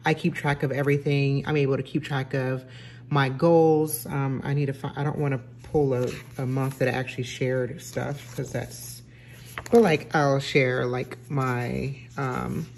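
Middle-aged woman, low-pitched, relaxed home vlogger talking to a table camera. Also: a little slow, slight background noise. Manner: chatty, self-correcting, many fillers. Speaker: lifestyle vlogger. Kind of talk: casual vlog chat. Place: home dining room, indoors.

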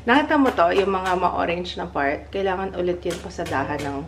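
A woman's voice: lowish voice, normal speed, background noise. A woman in her thirties from the Philippines, chatting casually to the camera in a family home vlog. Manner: chatty, talks to camera and family, mixes Tagalog and English. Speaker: family vlogger. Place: large home kitchen indoors. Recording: clear kitchen sounds behind.

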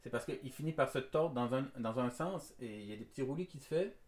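A man's voice: mid-range voice, lively intonation, brisk, darkish tone, reverberant. A man born in France with an accent between Parisian French and Québécois, casually talking a live stream chat through threading a pearl necklace, often repeating words as he works and switching to simple English. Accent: mix of Parisian French and Québécois. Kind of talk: live-stream craft tutorial, reading chat aloud.

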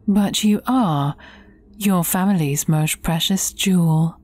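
A woman plays a wicked fairy sorceress in an audio fairy tale, her fairly low, slightly mellow voice gloating and taunting with chilly menace. She speaks deliberately and frequently drops almost to a whisper.

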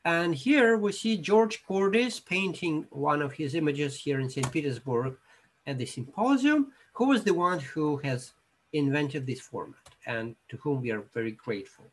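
Husky, higher-pitched Russian-accented man lecturing. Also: expressive, rough recording. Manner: halting, reflective, with non-native English phrasing. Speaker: iconographer giving a lecture. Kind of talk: informal illustrated lecture.

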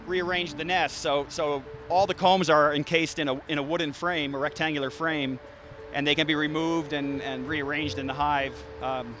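Soft music runs beneath a relaxed, halting explanation from a beekeeper in his thirties whose voice is slightly high. He keeps restarting and leaning on fillers as he talks casually to an interviewer. The setting is outdoors beside the hives in a garden, and he uses a handheld mic.

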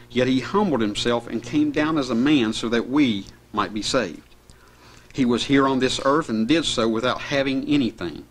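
Middle-aged guy preaching at a pulpit mic, earnest steady sermon, small chapel. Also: medium pitch, slight background noise. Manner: earnest, steady reading of scripture from notes. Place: small church chapel indoors.

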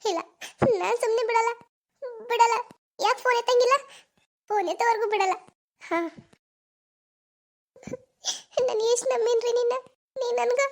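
A voice actor doing a heartbroken, very high-voiced village girl. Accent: North Karnataka Kannada. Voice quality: very high, sobbing pleas. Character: young village woman in love, betrayed and distraught. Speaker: lover. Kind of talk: cartoon voice acting.

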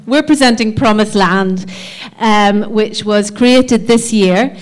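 A woman presenting her company's show at an arts conference, hesitant, with many pauses and ums. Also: fairly high pitch. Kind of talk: live pitch at an arts conference.

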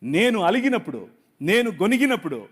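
A middle-aged man from India delivers a dramatic sermon woven through with his own testimony. His voice sits high and ranges widely, moving from quiet, intimate passages to loud, urgent cries. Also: big pitch swings, fairly quick, slightly rough. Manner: dramatic, swings from hushed to shouting. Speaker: pastor.

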